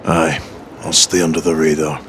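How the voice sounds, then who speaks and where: An actor playing a dogged special forces sergeant, gruff and terse. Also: male voice, extremely low pitch, completely flat delivery, normal speed, noisy background. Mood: low, focused. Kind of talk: military game dialogue. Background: game score.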